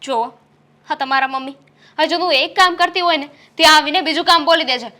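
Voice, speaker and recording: A young wife who has had enough of her in-laws. Her voice sits very high and bright, and she rattles off her grievances at speed. Her tone is heated and sharp. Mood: angry, fed up. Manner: heated, rapid complaining. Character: young wife fed up with her mother-in-law. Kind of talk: Gujarati short film acting.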